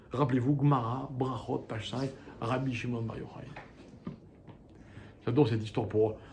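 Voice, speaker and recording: Animated rabbi teaching a Torah class. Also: male voice, mid-range voice, slight background noise. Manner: animated teaching, with rhetorical questions and calls to the class; quotes Hebrew and Aramaic texts, then translates them. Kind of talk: lecture to a live class.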